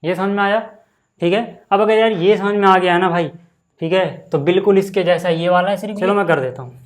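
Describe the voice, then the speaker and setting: A man's voice: high voice, a little fast. Man, maths teacher, Hindi accent, casual explaining, repeats fillers, screen-recorded lesson. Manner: casual, repeats "ठीक है" and "भाई" often.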